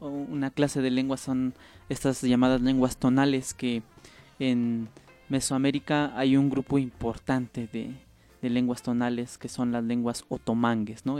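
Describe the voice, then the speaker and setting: This radio guest is a male linguist from the State of Mexico whose first language is Mazahua. His medium-pitched voice sounds a little mellow as he patiently works through ideas with examples, often tagging on "¿no?" to check that the listener is following.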